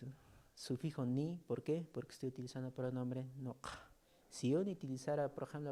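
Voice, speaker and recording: A man's voice: mid-range voice, mellow. A man teaching an online language class, chatty and joking as he reads out student comments, with a Peruvian Spanish accent.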